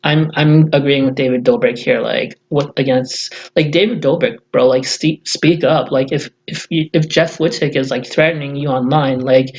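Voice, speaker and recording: A man's voice: medium pitch, steady tone, normal speed, hardly any pauses, dull audio. A man in a casual vlog rant, blunt and profane, rambling with many fillers, who says he has just woken up. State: just woke up. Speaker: YouTuber.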